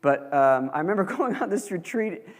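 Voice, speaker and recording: In this clip the young guest lecturer's high voice has a sing-song lilt at a normal pace. He chats and jokes with the college students, using plenty of fillers, while a large hall gives long reverb.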